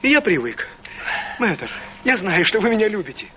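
An actor playing a fussy, devoted longtime servant on stage, nervous and fawning, with shrill cries. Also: male voice, sing-song, normal speed, sharp tone, lo-fi sound, slight background noise, exaggerated voice. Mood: pleading. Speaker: supporting actor in a stage play. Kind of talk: theatrical stage acting.

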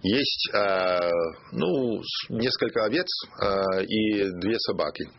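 An Australian man with a low voice and some vocal fry answers interview questions in his second language, hesitating and pausing as he searches for words. He is an ambassador appearing as a studio guest, and the radio studio recording sounds muffled, with slight background noise.

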